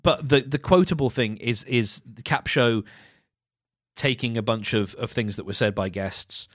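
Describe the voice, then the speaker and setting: A man talks through his thoughts in a wry, teasing way, stumbling and repeating words as he goes. His voice sits at an ordinary middle pitch. The sound is close and dry, with no room around it. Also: measured pace, no room sound. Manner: wry, mocking, lots of restarts and repeats. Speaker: podcast host. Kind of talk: casual solo commentary.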